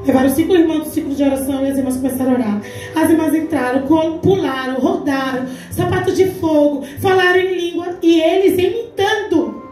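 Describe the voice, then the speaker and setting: High-voiced Brazilian woman preaching in echoey church. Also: a little fast. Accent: Brazilian Portuguese. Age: 40s. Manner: emphatic storytelling, acting out quoted dialogue. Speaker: deaconess preaching. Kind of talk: testimony sermon at a church women's congress. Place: large church hall. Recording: echoey church hall from far off, faint music.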